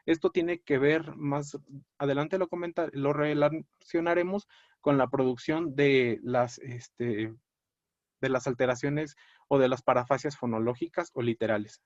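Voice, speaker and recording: A man lecturing on a clinical topic in a measured, explanatory way, often pausing on fillers and correcting himself mid-word. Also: mid-range voice, steady tone, darkish tone, no room sound. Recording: dry, dull lo-fi audio.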